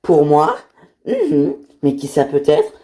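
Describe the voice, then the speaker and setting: A woman voicing an eager, gentle young woman in a toy figure series, who often answers with bright questions. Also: sits low, huge pitch swings, slow pace, heavily acted. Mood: surprised.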